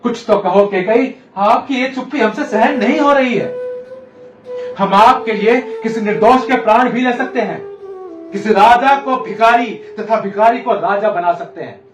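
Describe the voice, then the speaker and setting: A man's voice: fairly high pitch, very animated, measured pace, soft background music. Male actor as pleading ancient Indian emperor, sweeping dramatic intonation, declamatory stage style, grandiose, distant miking in a theatre. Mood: pleading, anguished. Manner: declamatory, grandiose, dramatic swings from hushed to loud. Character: lovesick, anguished emperor pleading with his sulking queen. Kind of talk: theatrical Hindi stage monologue from a Ramayana play. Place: theatre stage, with music behind the voice. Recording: echoey theatre hall, distant mic.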